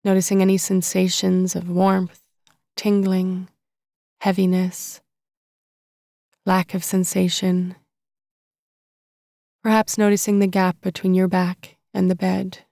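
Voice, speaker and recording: Female meditation narrator: soft, relaxed and soothing, slow phrasing with long pauses, very dry close sound. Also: fairly low pitch, vocal fry, no room sound. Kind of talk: guided body-scan meditation narration.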